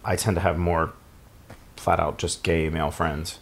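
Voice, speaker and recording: A man in his late thirties chats in a relaxed, conversational way in a documentary interview. His voice is low. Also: unhurried, gravelly. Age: 30s.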